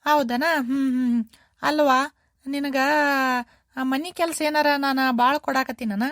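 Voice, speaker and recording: A woman's voice: steady tone, measured pace, fairly bright tone, no room sound, clean studio sound. A woman voicing a nagging older mother-in-law in a cartoon, complaining and repeating herself in a North Karnataka accent. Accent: North Karnataka Kannada. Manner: shrill, complaining, repetitive.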